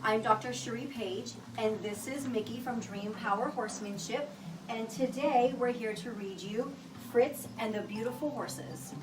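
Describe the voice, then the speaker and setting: A woman reads a children's picture book aloud as a storybook reader, delivering it expressively and deliberately in a voice that is a little high. The distant mic picks up roomy echo, with music behind her.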